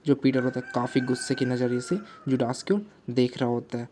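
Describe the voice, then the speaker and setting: A man narrating a comic recap in a loose, chatty way, peppering his speech with English words and fillers. His voice is very dark and mellow. His delivery stays flat, with little rise and fall. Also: medium pitch, a little fast, a little hiss or hum. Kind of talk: casual comic-recap storytelling.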